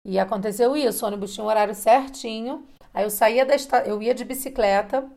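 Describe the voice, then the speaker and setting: A woman from Brazil chatting casually, telling emphatic, animated stories. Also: a little high, quick pace. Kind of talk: casual chat.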